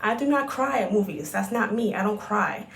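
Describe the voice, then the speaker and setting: A woman vlogger giving a ranting film recap, animated, exasperated and profane. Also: medium pitch, moderate pace, reverberant.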